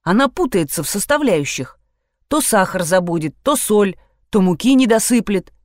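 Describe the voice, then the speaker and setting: A woman's voice: mid-range voice, expressive, moderate pace, a little mellow, no room sound, studio quality, lightly acted. A woman voicing a blunt, sarcastic adult man in an audiobook, scoffing at everyone. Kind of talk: audiobook character voice.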